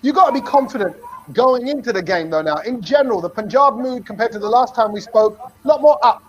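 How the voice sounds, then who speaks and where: A man hosting a cricket fan show in a lively, playful, teasing live-stream chat. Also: extremely high pitch, brisk, muffled recording.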